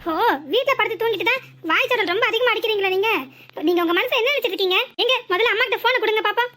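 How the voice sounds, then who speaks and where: Squeaky high voice actor doing a village wife, southern tamil nadu accent, scolds fast. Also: bright, forceful tone. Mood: scolding. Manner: scolding, rapid-fire complaints. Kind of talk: cartoon voice acting.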